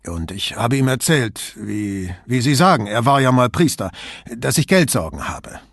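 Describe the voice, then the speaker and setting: Audiobook suspect, defensive and touchy, read by a man; husky, dry sound. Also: medium pitch, very animated, normal speed, no echo. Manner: defensive, indignant. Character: evasive, touchy man under questioning.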